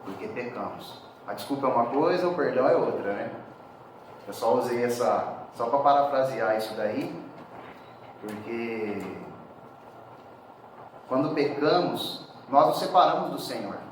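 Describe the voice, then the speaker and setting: A man delivers a sermon in a casual, conversational way, often tagging his sentences with quick questions. He stands some way from the mic in a church hall full of heavy reverb. A faint background hiss sits under his voice. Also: mid-range voice. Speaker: preacher. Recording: very echoey hall, speaker far from mic.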